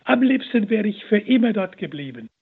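A man's voice: high-pitched, sing-song, fairly quick, slightly rough, phone-quality sound, voice pushed up, full character voice. A man voicing a rescued young girl who gladly tells of her rescue and apologizes, in a story read on the radio. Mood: joyful.

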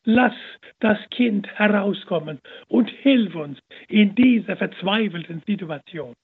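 A man's voice: a little high, a little slow, vocal fry, husky, narrow, tinny audio, full character voice. A man voicing a devout elderly nun who fervently implores heaven, in a story read on the radio. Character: devout mother superior praying fervently.

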